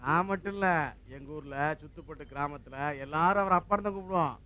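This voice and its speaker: A man's voice: fairly high pitch, quick pace, pushed and bright. An actor playing a chatty, teasing male villager. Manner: teasing, bantering. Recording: dull lo-fi film audio.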